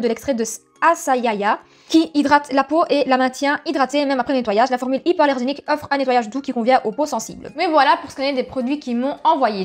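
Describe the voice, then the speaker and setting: A woman with an Italian accent talks her way through a beauty unboxing on her channel. Her voice sits fairly high, and she chatters eagerly, reading out the product details. Faint music plays underneath. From Italy. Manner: chatty, enthusiastic, reads product blurbs aloud. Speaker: beauty vlogger. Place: at home, filming on a phone.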